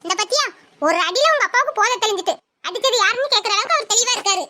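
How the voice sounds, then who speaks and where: A very high voice playing a tough, sharp-tongued young woman in a cartoon, scolding and mocking. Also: expressive, very fast, heavily acted. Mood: lecturing. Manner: scolding, bossy, laughing scornfully.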